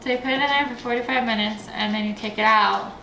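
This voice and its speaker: A woman with a fairly high voice lays out the cooking steps in a plain, easygoing way, with the odd filler. Kitchen sounds hum steadily behind her. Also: steady tone, fast talker, vocal fry, echoey room. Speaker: co-host of a family cooking channel. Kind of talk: casual cooking demo chat. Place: home kitchen. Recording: noisy home kitchen.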